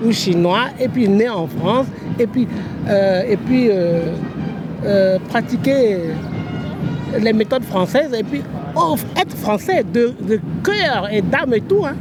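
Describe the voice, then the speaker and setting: A woman's voice: fairly high pitch, lively intonation, slow, over loud music. A woman answering a street interview in an earnest, emphatic way. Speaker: festival-goer.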